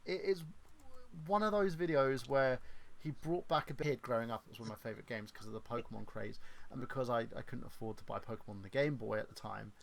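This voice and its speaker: A stream host in his thirties chats casually on a livestream in a halting way, with plenty of fillers and restarts. His voice is mid-range with vocal fry.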